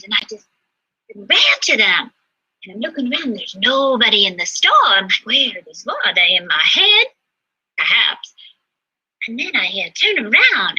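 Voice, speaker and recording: A woman performing a solo comedy monologue, chatty, swinging between loud exclaims and hushed asides. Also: a little high, breathy edge. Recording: dull lo-fi livestream sound.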